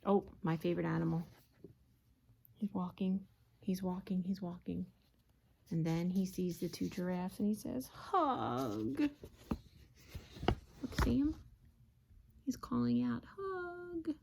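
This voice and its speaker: A woman reading a picture book aloud to a class of small children, her voice low and gravelly. She keeps stopping to ask the kids questions and slips into hushed whispers as the story goes on. A faint hiss sits under the recording. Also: steady tone, normal speed, long pauses. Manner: gentle, asks listeners questions, drops to whispers.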